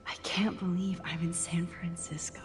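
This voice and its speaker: An actress playing a shy young woman photographer, speaking her thoughts softly in a game, half-whispered. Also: on the low side, little pitch movement, normal speed, close to an everyday voice. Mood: reflective. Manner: soft, half-whispered musing. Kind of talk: game inner monologue. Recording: game audio with music behind.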